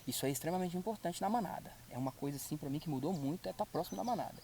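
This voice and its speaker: A man's voice: a little high, animated, racing, warm tone, slight background noise. A man speaking as a podcast guest, earnest and repeating his points for emphasis. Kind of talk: casual chat.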